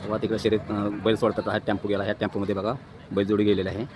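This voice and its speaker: A man with a fairly low voice races through live commentary at a rural bullock cart race outdoors. As a vlogger, he talks to viewers like friends and, excited as the carts pass, says "look" over and over. Loud crowd and race noise fill the recording.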